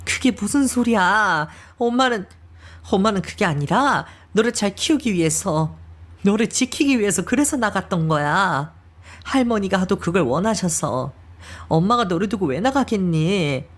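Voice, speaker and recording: A woman's voice: medium pitch, expressive, moderate pace, close to an everyday voice. A woman voicing a remorseful middle-aged mother who pleads and sighs through her tears in an audio drama reading. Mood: shocked pleading. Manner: emotional, pleading, sighing.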